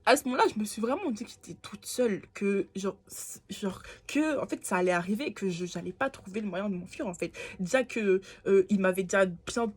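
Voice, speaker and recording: A young woman from France telling a personal story to camera in casual slang, animated and sometimes dropping to a whisper. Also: mid-range voice, a little fast, few pauses, slightly rough. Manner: animated, slangy, acts out quoted lines, drops to whispers. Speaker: storytime vlogger.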